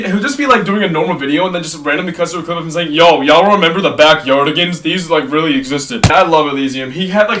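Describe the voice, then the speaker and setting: A young man rambling casually through a ranked list, often correcting himself and trailing off mid-sentence. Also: a little high. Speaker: host ranking favorite creators. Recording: distant mic with clear background noise.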